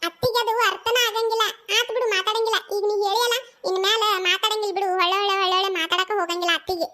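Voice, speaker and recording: A very high, bright and squeaky cartoon voice, put on by a performer, the cheeky young village woman rattles off her lines at a rapid clip. She has a thick North Karnataka accent and a teasing, quarrelsome manner. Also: fairly even intonation. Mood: teasing, squabbling. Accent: North Karnataka Kannada. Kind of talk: cartoon comedy voice acting.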